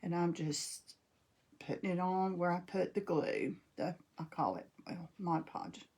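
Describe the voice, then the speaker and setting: A woman's voice: lowish voice, unhurried, a little mellow, breathy edge. A woman with a North Carolina Southern accent, hosting a live-streamed craft demonstration from her craft table and chatting folksily with viewers by name as she works. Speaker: craft host.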